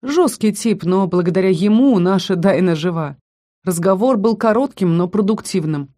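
Woman voicing a brisk young student girl. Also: medium pitch, animated, dark tone, lightly acted. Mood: chatty. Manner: chatty, blunt retelling.

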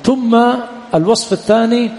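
A man teaching a classroom lecture on hadith sciences, repeatedly pausing to quiz his students on the next word. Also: extremely high pitch, darkish tone, long reverb tail. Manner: quizzes students with repeated "what?" prompts. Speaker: Islamic studies teacher. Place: lecture hall at a study center.

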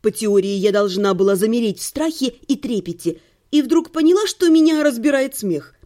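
A woman's voice: fairly high pitch, expressive, moderate pace, warm tone. A woman reading a humorous first-person audiobook at home, with a playful, ironic delivery and theatrical exclamations. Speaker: audiobook reader. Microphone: home recording.

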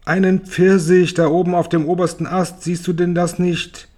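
A man voicing a shrill, spiteful elderly aunt with a husky voice in a storybook reading, screeching his exclamations. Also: little pitch movement, moderate pace, a little mellow. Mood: shrill excited.

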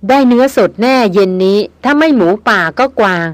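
A woman's voice: on the high side, fairly quick, very noisy, lightly acted. A woman reading the lines of a playful young male nobleman who teases his companions. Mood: teasing. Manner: playful, teasing.

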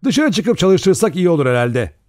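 A man voicing an elderly male judge in an audiobook, measured and composed, a little raised in tone. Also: sits high, big pitch swings, darkish tone, no echo, clean studio sound, voice pushed up. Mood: practical. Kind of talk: audiobook character voice.

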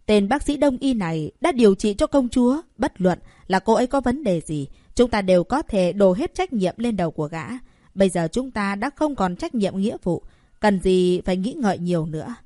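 A woman's voice: medium pitch, animated, moderate pace, mellow, dry recording, clean studio sound, close to an everyday voice. A woman playing a smug scheming chairman. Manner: smooth, condescending, scheming. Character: scheming smug medical association chairman, male.

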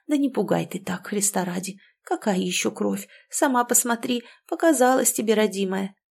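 A kindly old grandfather with a gentle, soothing way of talking, as a woman narrator voices him. He frets over his granddaughter in this audiobook. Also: on the high side, expressive, normal speed, vocal fry.

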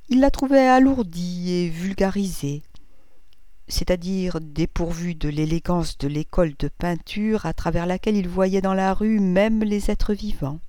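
A woman narrating a classic novel in a measured, even reading voice. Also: lowish voice, no echo. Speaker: audiobook reader.

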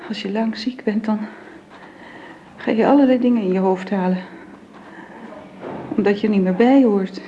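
In an old radio drama, a woman with a medium-pitched, fairly everyday voice plays a long-ill, bedridden wife who is weary, gloomy and resigned. She speaks softly and haltingly, often in a whisper. The recording is dull and lo-fi, with slight background noise.

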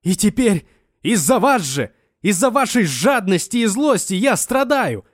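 A man voicing a desperate wounded young man, shouting through tears. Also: high voice, very animated, measured pace, no echo, studio quality, pitched above the performer's own voice, heavily acted. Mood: sobbing, shouting.

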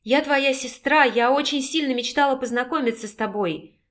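A woman reading an audiobook and voicing a gentle young woman who speaks softly and tearfully, full of worry. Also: high voice, moderate pace, voice pushed up. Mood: anxious, tearful. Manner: soft, tearful and anxious.

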